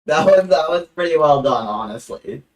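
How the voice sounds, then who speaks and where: A young adult streamer chatting casually on a livestream, halting with frequent restarts and joking in a deadpan way. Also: medium pitch, rough recording.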